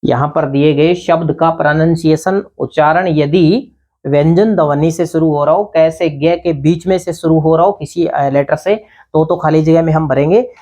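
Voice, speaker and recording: A man's voice: on the high side, normal speed, warm tone. Guy teaching grammar class, asks his own questions then answers em, keeps checking "thik hai na". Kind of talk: grammar lesson.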